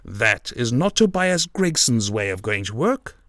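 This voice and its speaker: A man's voice: mid-range voice, big pitch swings, unhurried, a bit bright, no echo, clean studio sound. A man voicing a boastful, self-satisfied police detective in an audiobook, with a gleeful, bragging manner. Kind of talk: audiobook character voice.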